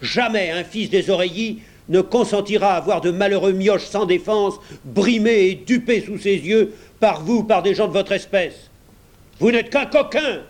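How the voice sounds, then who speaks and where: A man's voice: high-pitched, measured pace, pitched above the performer's own voice. A man voicing a hot-tempered police officer who bellows and thunders his accusations in a storybook reading. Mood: furious.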